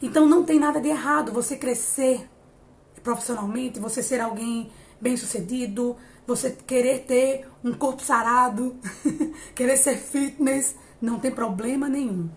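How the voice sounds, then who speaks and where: Hosting a relaxed live stream about emotional growth, this psychologist, a woman in her late thirties, speaks with warmth and encouragement. She talks at a moderate pace in a fairly high voice, frequently hesitating, repeating words and beginning sentences over again.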